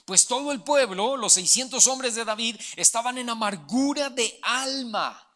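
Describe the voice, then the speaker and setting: Man preaching, high voice, bright tone, emphatic, calls the congregation brother. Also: animated, measured pace. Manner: emphatic preaching, addresses listeners as hermano. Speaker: pastor. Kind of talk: sermon. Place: church.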